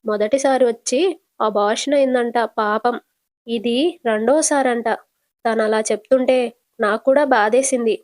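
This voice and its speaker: Calm, patient older sister with a fairly high voice, as a woman storyteller voices her; retold serial. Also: normal speed, natural voice. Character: gentle modest young married woman, older sister. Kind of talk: casual retelling of a TV serial.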